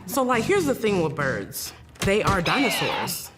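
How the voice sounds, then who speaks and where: A woman's voice: medium pitch, big pitch swings, measured pace, noisy background. An emphatic woman speaking as a contestant on a dating show clip.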